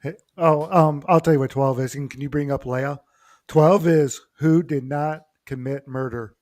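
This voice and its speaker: A man's voice: a little high, steady tone, moderate pace, a little mellow, no echo, clean studio sound. A male co-host on a livestream making joking, teasing remarks to the host. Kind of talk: casual chat.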